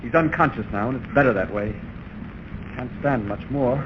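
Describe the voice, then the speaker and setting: An actor playing a grave, steady doctor held captive in a 1930s radio drama. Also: male voice, mid-range voice, moderate pace, close to an everyday voice. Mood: grave, weary. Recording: noisy, muffled 1930s radio recording.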